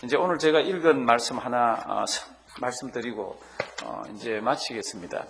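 A man's voice: mid-range voice, creaky, fairly bright tone, slight background noise. Earnest male pastor preaching. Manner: earnest storytelling with frequent pauses and fillers. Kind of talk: sermon.

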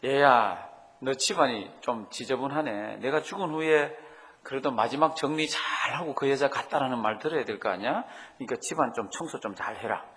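A kindly, fatherly God speaks slowly and softly to a weary woman, as a male pastor puts him on. The voice stays warm and unhurried, with a long church reverb around it. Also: medium pitch, slight background noise, close to an everyday voice. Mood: gentle.

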